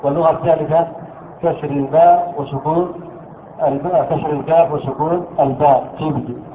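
A man's voice: a little high, fairly even intonation, slight background noise. Man teaching grammar in an echoey room. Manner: asks students questions and answers them himself; repeats key words slowly for emphasis. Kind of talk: classroom lesson explaining a text. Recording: echoey room over a thin phone-like line.

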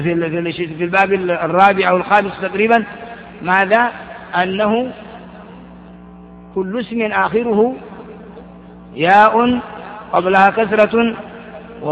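High-voiced male grammar teacher, reverberant hall. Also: a bit bright. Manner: questioning, answers own questions, many restarts. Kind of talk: classroom lesson on grammar. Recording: dull, reverberant hall recording.

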